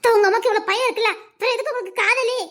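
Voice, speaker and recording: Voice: extremely high pitch, fairly even intonation, very fast, fairly bright tone. A performer voicing a frightened young village woman who scolds her suitor in an audio drama. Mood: scolding. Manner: alarmed, scolding. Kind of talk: audio love-story drama.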